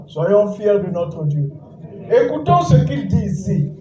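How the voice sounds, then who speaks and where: Preaching as pastor in a church, this man has a high-sitting, warm, sing-song voice and a slow pace. He exhorts his listeners, repeats phrases and draws calls and responses from the congregation. Recorded on a distant mic in an echoey hall, the sound is dull, with slight background noise.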